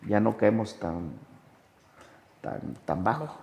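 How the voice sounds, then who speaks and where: A man with a gravelly, mellow voice talks slowly and thoughtfully as a sponsor. He tells his anecdotes with animated jumps in pitch. The sound carries a long reverb. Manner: slow, measured delivery with dramatic pitch swings when telling anecdotes. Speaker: sponsor and podcast guest. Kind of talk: reflective conversational storytelling.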